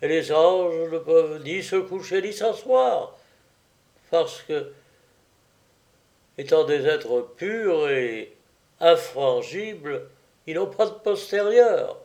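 A man's voice: fairly high pitch, expressive, slow, long pauses, a little mellow. A man voicing a drunken man who pretends to be a solemn archangel, pompous and slightly slurred. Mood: mock-solemn.

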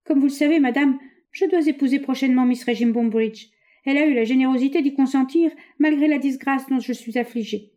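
A woman's voice: high-pitched, brisk, dark tone, voice pushed up, close to an everyday voice. A woman reading aloud, voicing a polite, earnest hunchbacked man who explains himself courteously.

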